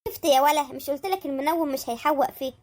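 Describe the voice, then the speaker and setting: A high sped-up voice playing a jealous, nagging middle-aged wife and mother in a comic cartoon, with an Egyptian accent and a shrill, wailing manner. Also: fairly even intonation, racing, noisy background, close to an everyday voice. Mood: scheming. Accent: Egyptian Arabic.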